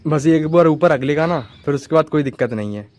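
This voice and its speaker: A man's voice: a little high, a little fast, a little mellow. Male vlogger, young, chatty narration to camera, sore back, light background hiss. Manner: chatty, addressing viewers directly. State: back pain. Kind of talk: casual vlog narration.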